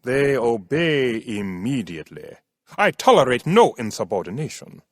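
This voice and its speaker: A man's voice: medium pitch, sing-song, normal speed, dry recording, studio quality. An actor playing a pompous old king of a tiny planet, commanding and sputtering in an audiobook drama.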